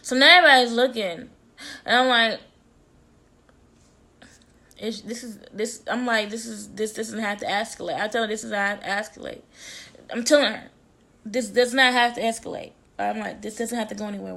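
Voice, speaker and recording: A woman's voice: medium pitch, fairly even intonation, fairly quick, vocal fry, sharp tone. A young woman telling a story in a casual vlog, with lots of slang and acted-out dialogue. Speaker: vlogger.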